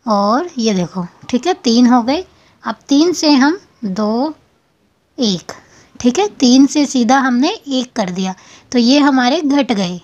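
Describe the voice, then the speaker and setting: A woman with a fairly high voice walks through a crochet tutorial step by step, counting stitches aloud as she goes. Her patient, repetitive explanations come through a dull, lo-fi home recording. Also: expressive, slow pace, a little mellow.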